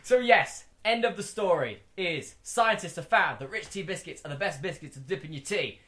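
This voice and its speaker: A man's voice: fairly high pitch, expressive, moderate pace, bright, forceful tone. A man co-hosting a comedy podcast, chatting casually, joking and swearing. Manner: joking, silly put-on voices, swearing. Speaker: podcast co-host.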